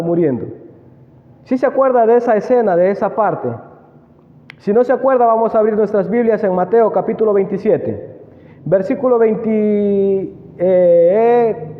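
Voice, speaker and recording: A man with a very high voice preaches a sermon, stopping often to put questions to the congregation. His words ring out with a long reverb in a big room. The sound is thin and tinny, like a phone line. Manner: asks the congregation questions, slow emphatic reading.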